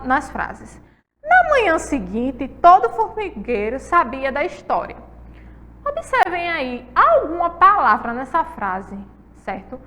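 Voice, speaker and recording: High-voiced woman teacher, long reverb. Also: fairly bright tone. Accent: Brazilian Portuguese. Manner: slow, stretched-out syllables when stressing words, asks the class questions. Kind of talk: televised classroom lesson.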